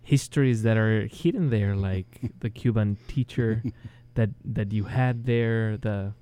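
Chilean male guest, non-native English, slow, clear voice, hesitant. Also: fairly low pitch, no echo. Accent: Chilean Spanish. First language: Spanish. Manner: hesitant, many ums and restarts, chuckles softly. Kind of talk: interview, casual chat.

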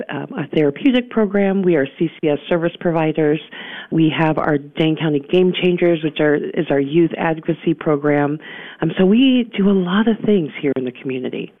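Guest on the phone, tinny line, gravelly voice, earnest, pausing with um, interview answers. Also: mid-range voice, no room sound. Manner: earnest, with frequent "um" pauses and restarts. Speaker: guest from a local survivor services center.

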